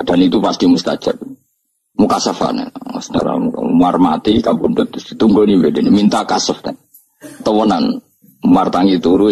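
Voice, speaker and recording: Husky, low-voiced Javanese preacher. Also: male voice, a little mellow, rough recording. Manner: storytelling, chatty, humorous, switching languages. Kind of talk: religious lecture.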